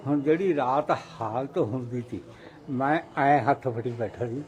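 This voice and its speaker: A man's voice: mid-range voice, unhurried. An older man, speaking as an interviewee, tearful and grieving as he talks about his daughter-in-law.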